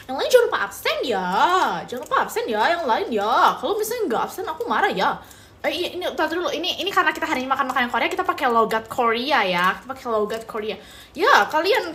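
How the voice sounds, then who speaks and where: Playful high-voiced young woman streaming live. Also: a bit bright, a little hiss or hum. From Indonesia. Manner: playful, teasing, lots of repetition and mixed English. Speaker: mukbang livestreamer. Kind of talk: casual live-stream chat reading comments.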